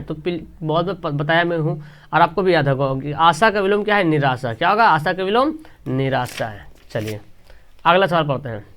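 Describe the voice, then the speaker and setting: A man, teaching by reading out exam questions and options, repeating each point and dropping his voice on the answer. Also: a bit bright. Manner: reads options then explains, repetitive, drops pitch on answers.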